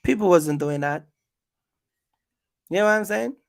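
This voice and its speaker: In a mid-range, expressive voice that's gravelly yet clean in tone, a trucking vlogger takes his time calling out rivals on camera. The casual, confrontational rant circles back on its points and leans on rhetorical questions. No room sound comes through, and the audio is studio-clean.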